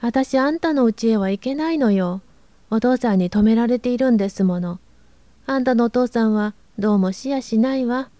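Casting: woman narrator as a gentle young girl, raised and soft, coaxing, dry sound. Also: a little high, normal speed, no room sound, muffled recording, close to an everyday voice.

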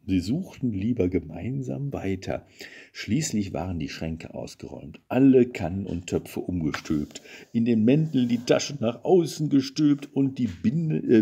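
A man reading aloud a Christmas story in an expressive, animated way. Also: lowish voice, gravelly, husky.

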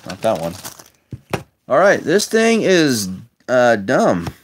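A man casually commenting while opening a lot of old toy cars, chatty and wry with muttered asides, filmed on a handheld phone at a table indoors. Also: deep voice. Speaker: toy collector vlogger. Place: indoors at a table, filming toys close up.

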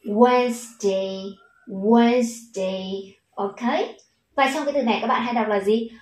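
A woman's voice: fairly high pitch, fairly quick, echoey room, poor audio. A woman with a Vietnamese accent teaching children English pronunciation, patient and encouraging, stretching out the model words.

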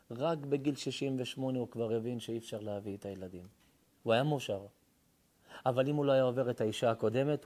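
A rabbi with an Israeli accent giving a dramatic sermon, telling stories and swinging from hushed tones to shouting. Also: male voice, mid-range voice. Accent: Israeli Hebrew. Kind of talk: sermon with storytelling. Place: synagogue or lecture hall.

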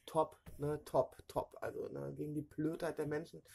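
A middle-aged woman, telling a story casually to her camera at home in an excitable, chatty way, acting out what people said. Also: low voice, moderate pace, creaky, breathy edge. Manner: chatty, excitable, acts out dialogue. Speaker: vlogger. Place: at home indoors. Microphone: camera in front.

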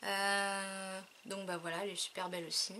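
A woman with a French accent talks through her craft purchases in a relaxed, rambling way, full of little fillers. Her voice is bright and forward. A faint hiss sits under the recording. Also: mid-range voice, normal speed. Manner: chatty, many fillers, counting and showing items. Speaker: crafting vlogger. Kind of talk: casual haul video.

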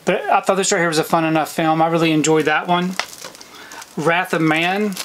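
A middle-aged man hosts a casual unboxing vlog for his video collector channel, rambling easygoingly with frequent ums in an indoor basement room lined with disc shelves. His voice sits on the high side, steady and fairly bright, at normal speed. The recording is rough, with slight background noise.

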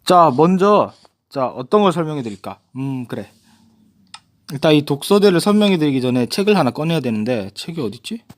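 A man's voice: on the high side, brisk. A young man giving casual gameplay commentary, explaining new items and talking to himself as he plays. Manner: lively, talks to himself while playing. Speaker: gaming YouTuber.

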